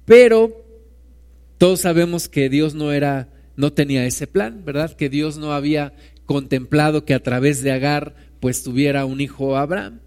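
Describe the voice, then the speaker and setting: A man's voice: on the high side, darkish tone, clean tone. A man preaching a sermon, reading Bible verses and explaining them in a conversational way, often asking his listeners "right?".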